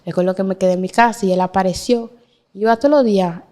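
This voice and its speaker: A young woman speaks with a Dominican accent. She gives a personal testimony and retells past conversations, and her pitch climbs when she quotes others. Her voice sits at a middle pitch for a woman. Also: quick pace, darkish tone. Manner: retells dialogue, pitch rising when quoting. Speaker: interview guest.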